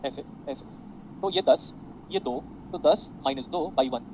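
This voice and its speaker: A man teaching a classroom lecture, animated, mixing explanations with anecdotes for his students. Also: mid-range voice, takes it slowly, background noise. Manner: animated, addresses students as beta, tells anecdotes.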